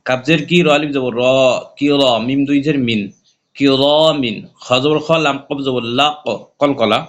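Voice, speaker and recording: A man teaching Quran reading, spelling out Arabic letters and vowel marks one by one in a slow, repetitive classroom manner. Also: mid-range voice, steady tone, a bit bright, highs cut off. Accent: Bangladeshi Bengali.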